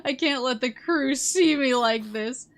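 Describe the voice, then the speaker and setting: A woman's voice: sits high, measured pace, voice pushed up. A woman voicing a vain, blustering pirate captain from a video game, with theatrical pirate talk. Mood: sheepish, dramatic. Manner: theatrical pirate speech with "yar" and "arg". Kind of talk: reading video game dialogue aloud in character. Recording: music playing behind the voice.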